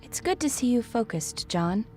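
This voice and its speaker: A man voicing a talking AI gun companion, calm and encouraging. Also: very high voice, normal speed, faint music behind, voice pushed up.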